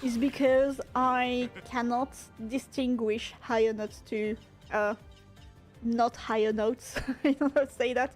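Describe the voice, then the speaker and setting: A woman game streamer with a French accent, chatting casually with her viewers, hunting for English words and letting her pitch swing all over the place. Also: measured pace, faint music behind. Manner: pitch swings constantly, never one steady tone; laughs often, restarts phrases while searching for English words. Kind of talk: casual live-stream chat, answering chat.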